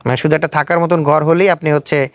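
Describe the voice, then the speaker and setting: He hosts a casual street-style interview on camera, talking fast in a steady, mid-range voice over slight background noise. With a Bangladeshi accent, he turns each answer back into a question to probe further.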